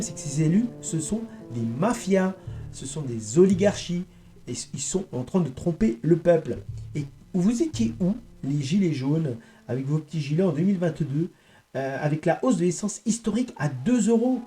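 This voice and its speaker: Mellow-voiced man ranting at viewers. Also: fairly high pitch, expressive, soft background music. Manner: rambling, indignant, halting. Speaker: online political commentator. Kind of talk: monologue addressed to viewers.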